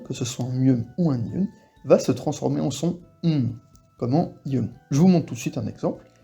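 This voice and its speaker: A man teaching Korean pronunciation to French speakers in a casual, reassuring way, slowly repeating example words. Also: fairly high pitch, gravelly, dark tone, breathy edge.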